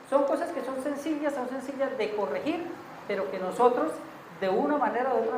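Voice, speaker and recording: A woman leading a church Bible study, talking in a conversational way and often checking in with her listeners. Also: medium pitch. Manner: conversational, asks the group "¿cierto?" often. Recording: echoey room with faint noise.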